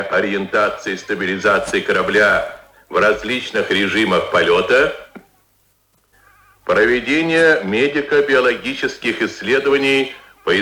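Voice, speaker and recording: Male Soviet radio announcer: booming, solemn state bulletin delivery, forceful bright tone, echoey archival broadcast sound. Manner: solemn, ceremonial, measured declamation.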